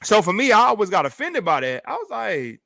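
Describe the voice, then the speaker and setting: A man's voice: sits high, huge pitch swings, fairly quick, vocal fry, sharp tone, no echo, studio quality. A man from Fort Worth with a Texan accent, hosting a casual chat show and rambling while he reads out viewer comments. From Texas, Fort Worth. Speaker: podcast host.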